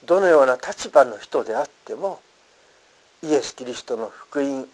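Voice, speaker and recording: A man's voice: normal speed, low-quality recording. A man preaching a sermon, reading scripture and explaining it in an earnest, emphatic manner. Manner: earnest, emphatic preaching with lively pitch swings. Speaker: pastor.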